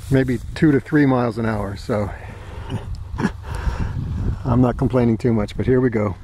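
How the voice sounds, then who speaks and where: Man, slow unhurried talk, mellow voice, outdoor field, faint wind noise. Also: mid-range voice. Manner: relaxed, thinking aloud with fillers. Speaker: model aircraft flyer. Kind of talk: casual running commentary. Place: open grassy field outdoors.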